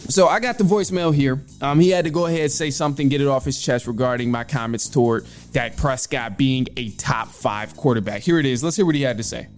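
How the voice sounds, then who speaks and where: With soft music behind him, a sports podcast host with a mid-range voice talks a little fast, barely pausing. He keeps it informal and opinionated, sprinkling in mild swearing.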